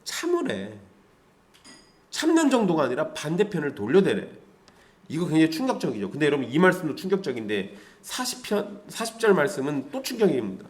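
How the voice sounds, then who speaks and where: Male pastor, sermon, fairly high voice, very animated pitch, rhetorical questions to the congregation. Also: quick pace. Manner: lively, conversational preaching with rhetorical questions to the congregation.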